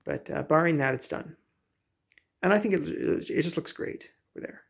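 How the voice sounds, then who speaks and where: A man in his thirties with a voice on the high side, creaky and slightly rough, gives a casual, rambling home tour vlog in his kitchen at a moderate pace. He films on a handheld phone camera, first as a selfie and then while walking, and uses many fillers and restarts.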